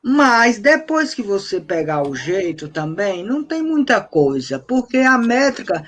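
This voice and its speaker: A man's voice: high voice, sing-song, unhurried, a bit bright. A poet being interviewed on radio, explaining his craft patiently like a teacher. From Bahia, Brazil. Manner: patient, teacherly, counts out examples. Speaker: cordel poet, interview guest. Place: radio studio.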